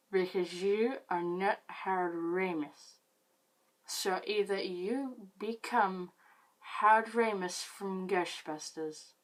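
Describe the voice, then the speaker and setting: A woman acting out her drunk younger self: slow, emphatic and insistent, repeating herself. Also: lowish voice. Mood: stern.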